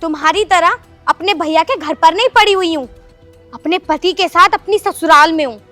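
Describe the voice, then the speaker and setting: An actress with a Haryanvi accent playing an outspoken married niece who answers back cuttingly. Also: female voice, very high-pitched, moderate pace, sharp tone, faint music behind.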